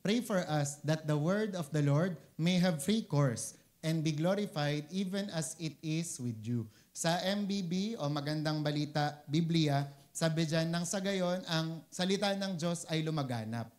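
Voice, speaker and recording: A man's voice: a little high, a little slow, a little mellow. A man with a Filipino accent giving a casual sermon, often asking "di ba?" and switching into English phrases. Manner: conversational, keeps asking "di ba?", mixes English phrases. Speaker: preacher.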